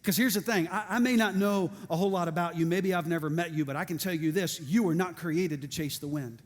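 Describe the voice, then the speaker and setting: Energetic high-voiced male pastor preaching. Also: a little fast. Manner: energetic, joking asides, call-and-response. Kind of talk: sermon. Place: church sanctuary. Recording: reverberant church hall.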